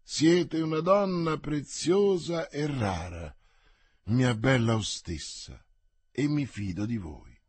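A man's voice: medium pitch, animated, slow, husky, no echo. A man reading aloud and voicing a bold, impatient young male musketeer with emphatic exclamations. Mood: commanding.

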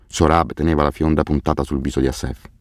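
A man reading a first-person novel aloud as an audiobook narrator, in a grave, measured way. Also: a bass voice, flat delivery, no echo, clean studio sound. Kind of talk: scripted narration.

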